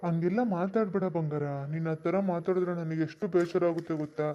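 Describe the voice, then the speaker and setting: A man's voice: a little high, fairly even intonation, quick pace, slight background noise, close to an everyday voice. A cocky village flirt, voiced by a man, who sweet-talks. The sound is dull and lo-fi, as in a cartoon dub. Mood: pleading. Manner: wheedling, sweet-talking.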